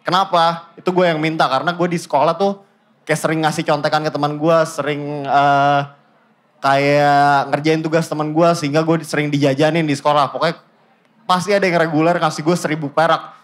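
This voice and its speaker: Joking young Jakarta man, slightly high voice. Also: a little fast. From Indonesia. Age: 20s. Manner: joking, deadpan fake-outs, slangy with English mixed in. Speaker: storyteller. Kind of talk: casual stand-up style storytelling.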